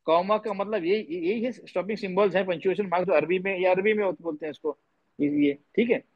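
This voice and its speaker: A man's voice: high-pitched, brisk, lo-fi sound. A man teaching tajweed in an online class, patiently quizzing students and repeating his points. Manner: mixes English words into speech. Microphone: online class audio.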